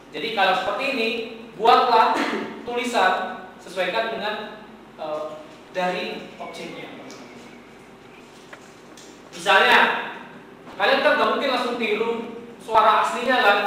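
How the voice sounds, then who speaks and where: A man's voice: high-pitched, pushed and bright, a little hiss or hum. A man teaching a classroom lesson in a chatty way, often quizzing his students. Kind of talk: classroom lecture. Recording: echoey classroom from far off.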